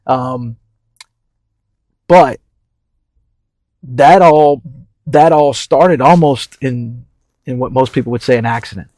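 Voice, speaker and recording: A man over thirty-five from New Orleans, talking casually as a podcast guest, repeating words and pausing with fillers while he thinks. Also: mid-range voice, mellow, dry recording. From New Orleans, Louisiana. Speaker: community development manager for a baseball team.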